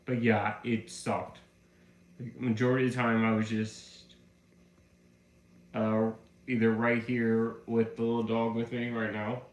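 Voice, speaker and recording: His delivery is completely flat: a low-leaning voice at a measured pace, broken by long pauses. He's live streaming from home while recovering from the flu, with a slight cough, rambling casually through a story thick with fillers in an echoey room with a faint hum.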